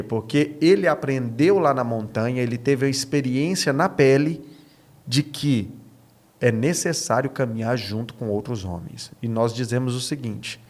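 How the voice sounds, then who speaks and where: Mid-range and darkish in tone, this Brazilian man speaks as a pastor on a podcast. He mixes anecdotes with conversational preaching, stays earnest and emphatic, and keeps asking rhetorical questions and checking in with tags.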